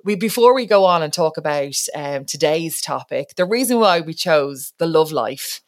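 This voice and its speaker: A woman's voice: sits low, expressive, normal speed, no room sound, studio quality. A woman from Dublin with an Irish city accent, hosting a podcast in a chatty, informal style. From Dublin, Ireland. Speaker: podcast host. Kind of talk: casual podcast chat.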